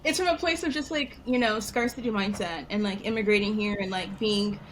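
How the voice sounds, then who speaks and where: A young adult woman in casual conversation, telling a personal story in an animated way, laughing often and saying "like" a lot. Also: medium pitch, a little fast, a little hiss or hum. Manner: animated, laughing, heavy use of "like". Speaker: guest storyteller. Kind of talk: casual interview chat.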